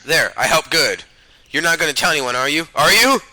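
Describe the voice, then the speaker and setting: A shifty gravekeeper, as a man puts him on pleads and stammers in broken grammar. He talks a little higher and quicker than usual, with a bright, dry tone. He sounds eager to please. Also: lively intonation, dry recording, low-quality recording. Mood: nervous. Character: nervous, shifty male gravekeeper.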